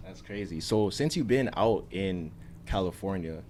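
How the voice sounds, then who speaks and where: A man's voice: low voice, expressive, normal speed, darkish tone. A man interviewing in a casual, informal way with plenty of slang, over faint ambient noise.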